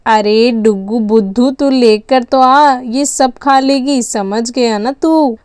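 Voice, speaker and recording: A woman voicing a softhearted young girl who bosses her little brother in a doll story, talking in a pleading way. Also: fairly high pitch, slow, clear, resonant tone, dry recording, clean studio sound. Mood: bossy. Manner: pleading, bossy big-sister talk. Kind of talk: doll story role-play.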